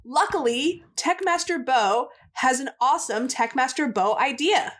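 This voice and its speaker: A woman's voice: high-pitched, animated, measured pace, fairly bright tone. A woman co-hosting a podcast, chatting enthusiastically as she retells a cartoon episode. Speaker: podcast co-host. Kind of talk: casual episode recap.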